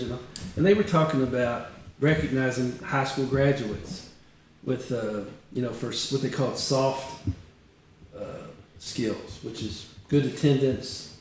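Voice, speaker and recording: An older man, a retired county attorney, telling long rambling anecdotes as an interview guest. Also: mid-range voice. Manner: rambling anecdotal storyteller, animated. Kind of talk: casual interview chat. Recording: echoey room, distant mic, faint noise.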